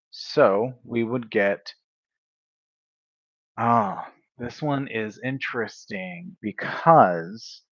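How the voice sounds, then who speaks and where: A man livestreaming a casual coding study session, thinking aloud, correcting himself and filling pauses as he works through examples. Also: on the low side, no room sound, dull audio. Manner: unhurried, thinks aloud, self-correcting with fillers.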